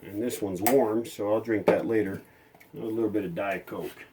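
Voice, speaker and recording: Over a noisy crowd, a middle-aged hobbyist restorer narrates a hands-on workshop repair in a casual, folksy way, chatting and thinking aloud. His voice is fairly low with fairly even intonation at a normal speed.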